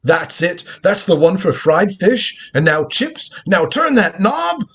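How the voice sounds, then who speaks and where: A man plays the lead in a live script reading of a radio drama, taking on a crotchety, proud grandfather inventor who time-travels, all imperious lecturing. His heavily acted voice is high, sing-song, slow, a bit bright, and slightly rough.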